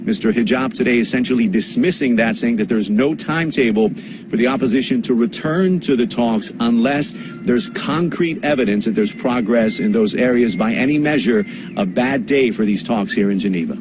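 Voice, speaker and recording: A man's voice: mid-range voice, normal speed. Male breaking news correspondent amid ambient noise. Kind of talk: live breaking news report.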